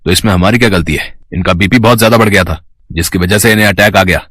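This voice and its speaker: A man's voice: low-pitched, fast talker, fairly bright tone, no echo. A man voicing a greedy, manipulative male doctor in a storybook drama, coaxing and cold.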